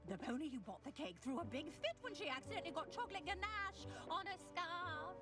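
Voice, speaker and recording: An eager female cartoon pony shopkeeper, chatty and helpful. Her high voice moves around animatedly, with music behind it. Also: expressive, a little fast. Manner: gossipy, helpful.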